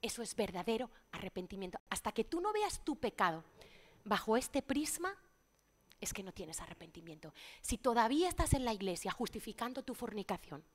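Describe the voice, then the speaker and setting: A middle-aged woman from Spain preaching a sermon in a church, passionate, moving between loud exclamations and hushed, near-whispered lines. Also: fairly high pitch, sing-song, fairly quick.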